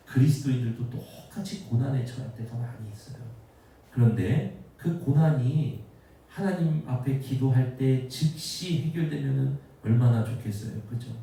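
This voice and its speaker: A man's voice: mid-range voice, gravelly, warm tone. A man preaching a sermon as pastor. He talks in an emphatic way, often turns to the congregation, and builds up into fervent prayer. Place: church sanctuary. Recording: echoey church hall, from a distance.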